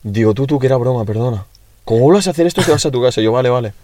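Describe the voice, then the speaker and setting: A young man from Spain with a Peninsular Spanish accent, casually chatting as a podcast co-host and telling animated stories with acted-out voices and sound effects. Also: medium pitch, very fast. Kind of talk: casual chat.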